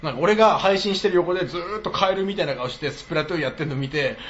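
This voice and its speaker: A man's voice: on the high side, rapid-fire, highs cut off, background noise. A man streaming live in casual chat, blunt and teasing, often breaking into laughter.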